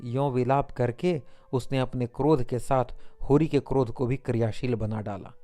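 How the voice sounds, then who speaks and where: A man narrates a classic novel as an audiobook, in scripted, dramatic storytelling. His voice is of middle pitch and steady. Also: normal speed, soft background music.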